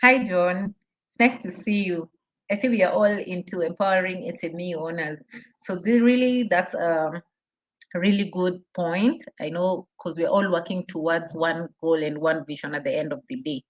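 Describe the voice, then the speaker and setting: Casting: female webinar trainer, lowish voice, encouraging and interactive, prompts and repeats questions. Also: moderate pace, rough recording. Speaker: trainer leading an online business session. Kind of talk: interactive webinar teaching, reading out chat responses.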